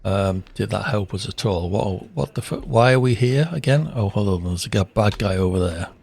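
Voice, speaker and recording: Chatty low-voiced man gaming. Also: moderate pace, creaky, a little mellow, breathy edge. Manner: chatty, distracted, trailing off mid-sentence. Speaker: streamer playing co-op. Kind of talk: casual gaming chat.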